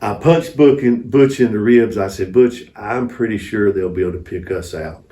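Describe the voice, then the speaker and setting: This guest speaks in a lowish, dark-toned voice at a moderate pace, spinning folksy mission stories in conversation. The mic sits far off in an echoey room.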